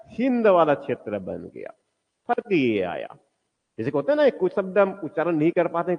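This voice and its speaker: A male teacher giving a history lecture in a classroom, asking the class questions and answering them himself, often repeating key words slowly for stress. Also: high voice, long reverb tail, muffled recording.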